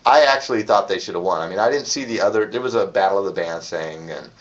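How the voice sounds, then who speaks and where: A man with a lowish voice hosts a loose live-stream chat and talks at length in a rambling way. He laughs often between stories. The audio is dull and lo-fi. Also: fast. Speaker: show host.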